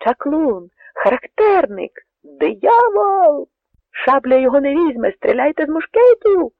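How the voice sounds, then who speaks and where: A man voicing hostile soldiers who yell orders and curses in high, frantic voices. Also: very animated, measured pace, creaky, no echo, heavily acted. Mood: terrified. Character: panicked hostile soldiers, a shouting crowd of men. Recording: narrow tinny radio recording, dry.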